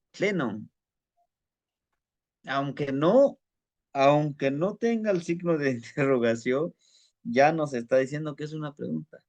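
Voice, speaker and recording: Slow, halting Mexican man teaching. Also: medium pitch. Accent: Guerrero Mexican Spanish. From Guerrero, Mexico. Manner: slow and halting, repeats words and asks rhetorical questions. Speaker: Nahuatl language teacher. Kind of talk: casual spoken lesson.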